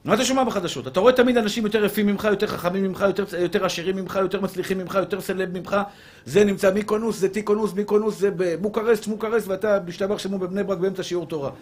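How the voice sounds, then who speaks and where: Brief: man preaching a fervent sermon, voice pitched very high, calls his listeners brother. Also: fairly even intonation. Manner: impassioned, addresses listeners as brother and pure soul.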